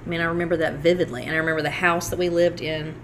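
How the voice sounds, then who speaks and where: A woman's voice: on the low side, level tone, very fast, a bit bright. A woman in her forties, chatting reflectively at a dinner table. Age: 40s. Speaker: podcast host. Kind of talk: casual chat. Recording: noisy room.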